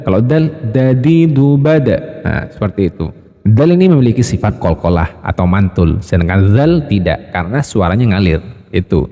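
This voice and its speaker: A man teaching Quran recitation rules, patiently explaining step by step and slowly drilling each sound, addressing listeners as friends. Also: deep voice, expressive, warm tone, in a large hall. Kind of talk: tajwid lesson with spoken demonstrations.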